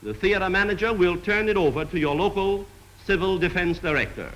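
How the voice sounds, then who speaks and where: A man's voice: sits high, lively intonation, fairly quick, fairly bright tone, rough recording. Earnest man in a 1950s newsreel address. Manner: earnest, declamatory. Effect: old 1950s newsreel film sound. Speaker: state official addressing citizens. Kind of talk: formal public address.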